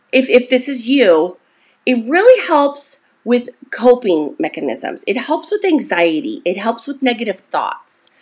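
Chatty encouraging woman in her forties. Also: fairly high pitch. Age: 40s. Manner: chatty and encouraging, often checks in with "okay?". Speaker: self-esteem coach. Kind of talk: casual motivational talk to camera.

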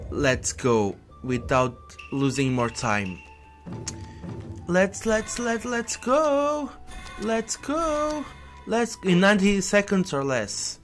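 A man's voice: high-pitched, very animated, takes it slowly, long pauses, a bit bright. Young man, let's-play commentary, rambling restarts, headset mic, faint game music. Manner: rambling, many restarts and repetitions, exclaims at the game. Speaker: gameplay commentator. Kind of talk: casual let's-play commentary, reading on-screen text aloud. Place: indoors at his computer.

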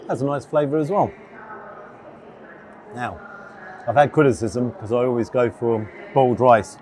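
A man's voice: mid-range voice, moderate pace, darkish tone. A man, chatting casually and matter-of-factly to camera as a food vlogger. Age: 50s. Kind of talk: casual vlog talk to camera. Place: large open train station concourse restaurant. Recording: busy station noise and announcements. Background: station ambience, background announcements.

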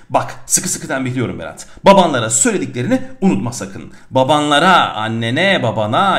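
A man teaching an energetic exam-prep grammar lesson, talking emphatically and addressing his viewers directly as he works through exercises. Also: mid-range voice.

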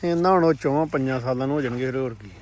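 A man's voice: mid-range voice, rapid-fire, a little mellow. A man with a Punjabi accent chatting casually as a farmer vlogger, with banter while working outdoors. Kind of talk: casual vlog chat and work banter. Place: outdoors on a farm. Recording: faint outdoor field noise.

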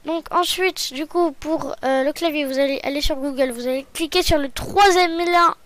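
A woman hosting a software tutorial, talking hesitantly and often correcting herself with apologies. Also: sits high, normal speed. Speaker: tutorial host. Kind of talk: screen-recorded software tutorial.

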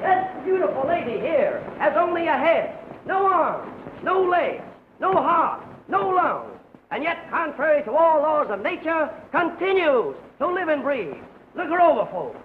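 A man's voice: sing-song, a little slow, phone-quality sound, exaggerated voice. Brash American male sideshow barker, sing-song showman's patter, on a thin, hissy 1930s film soundtrack. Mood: grandiose hawking. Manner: declamatory, repetitive showman's pitch. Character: brash carnival sideshow barker hawking attractions to the crowd.

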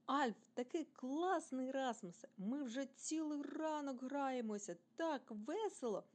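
A woman voicing a cheerful, lively little boy dinosaur in a storybook reading, bright and bouncy in delivery. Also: high voice. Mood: excited. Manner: bright, bouncy, slowed for emphasis.

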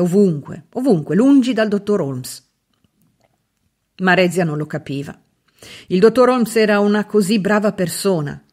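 This is an audiobook reading of a literary novel by a woman with a lowish voice. Her delivery is expressive yet measured, punctuated by dramatic pauses.

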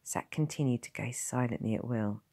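A woman's voice: a bass voice, normal speed, warm tone. A woman teacher reading a novel aloud, narrating expressively and voicing each character. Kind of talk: storybook narration.

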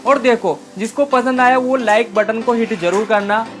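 A man's voice: very high voice, moderate pace, soft background music. A young man narrating a mock-serious survival-show spoof as he walks through an outdoor street market. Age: young adult. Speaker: comedy vlogger.

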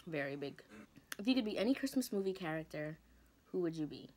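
A woman's voice: on the low side, expressive, brisk, darkish tone. A woman chatting casually with her sister over a meal, making dry, joking asides. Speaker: vlogger's sister. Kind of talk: casual chat during a mukbang.

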